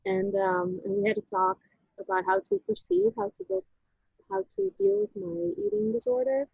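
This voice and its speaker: A woman speaks in a very high voice full of gravelly fry. She tells her story haltingly and reflectively, restarting her sentences often. The recording is dry and dull, with a lo-fi sound. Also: darkish tone, dry recording. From Netherlands. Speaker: interview guest. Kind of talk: personal story in a casual interview.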